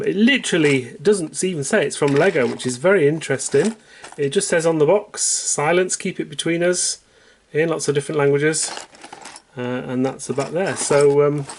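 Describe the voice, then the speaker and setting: A British man giving a casual, unhurried product review at home, chatty and self-deprecating. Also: on the high side, a little hiss or hum. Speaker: toy set reviewer. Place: home, at a tabletop.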